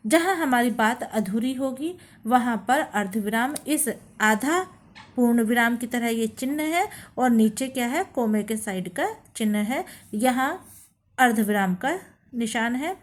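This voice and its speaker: A woman teacher with a slightly high voice and lively intonation guides her class through a grammar lesson slowly and deliberately. She stresses each example phrase strongly as she explains.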